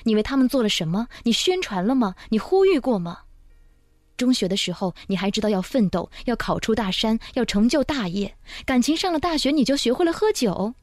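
A woman's voice: medium pitch, animated, moderate pace, darkish tone, no echo, clean studio sound. A woman voicing a stern, caring young female shopkeeper in a love story read aloud, speaking coolly and curtly. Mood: scolding. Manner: cool, curt, scolding.

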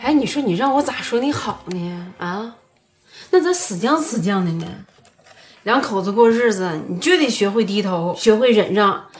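一名女演员饰演一位苦口婆心劝人的大姐，操东北口音。. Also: female voice, mid-range voice, lively intonation, moderate pace, natural voice. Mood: coaxing. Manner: coaxing, lecturing. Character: motherly older-sister woman giving advice. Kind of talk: TV series acting.

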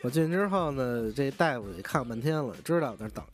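A man's voice: mid-range voice, expressive, fast, over loud music. A man with a Beijing accent tells a story in a casual, rambling way, swearing freely and often restarting his sentences. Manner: profane, rambling, frequent restarts. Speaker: vlogger.

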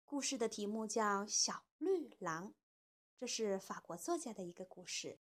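Breathy woman reading a storybook. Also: mid-range voice, measured pace. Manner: gentle, expressive reading. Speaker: storytelling host, a mother. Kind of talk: children's storybook narration.

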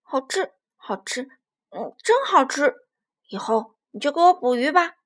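A woman voicing a big, lonely T-rex who is gruff yet gentle, in a children's storybook. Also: high-pitched, big pitch swings, a little slow, pitched above the performer's own voice, heavily acted.

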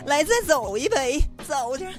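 A woman's voice: high-pitched, expressive, music in the background. A woman voicing a tipsy, rowdy young woman who slurs and drags her words in a comedy sketch. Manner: drunken slurring, drawn-out words.

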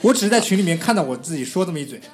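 A man in a casual group chat telling vivid stories and swearing freely. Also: fairly high pitch. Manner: rapid, animated storyteller who swears freely.

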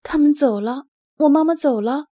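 A woman voicing a hot-tempered little male sled-dog puppy in a storybook reading, loud, whiny and impatient. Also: sits high, expressive, moderate pace, breathy edge, dry recording, clean studio sound.

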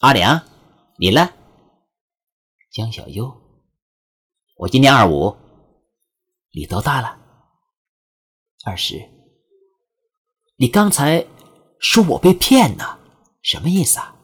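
Wary young woman, hushed whispers, husky , read by a male narrator. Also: medium pitch, sing-song, slow pace, long pauses, heavily acted.

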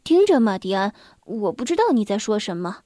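A woman voicing a quiet, secretive boy who answers flatly and evasively, in a children's story. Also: medium pitch, brisk, no echo, clean studio sound, pitched below the performer's own voice, lightly acted. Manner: flat, evasive.

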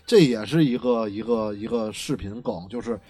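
A man's voice: lowish voice, moderate pace, slightly rough. A man, co-hosting a casual chat about internet memes and telling anecdotes in colloquial slang. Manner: animated storytelling with colloquial slang. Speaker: podcast co-host.

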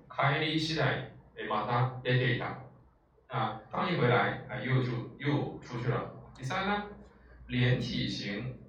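Mid-range and fairly bright, a man's voice carries a patient, lecture-style language lesson. He often checks in with listeners through rhetorical questions and uses frequent filler sounds. The recording has an echoey room, a distant mic, and faint noise.

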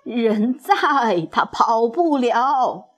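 A woman voicing an anxious middle-aged father and general in a storybook, pleading slowly and humbly. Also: fairly high pitch, expressive, full character voice. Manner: pleading, slow and drawn out. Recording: soft music behind.

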